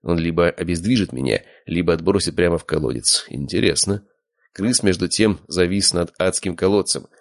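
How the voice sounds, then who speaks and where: A man narrating a first-person audiobook in a measured, even storytelling manner. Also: low voice, no echo, clean studio sound.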